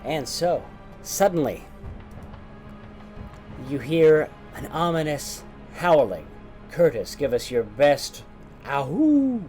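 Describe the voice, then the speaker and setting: Slow-talking game master guy describing the scene, soft music behind. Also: fairly high pitch, animated. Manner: measured, descriptive. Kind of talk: narrating a tabletop game.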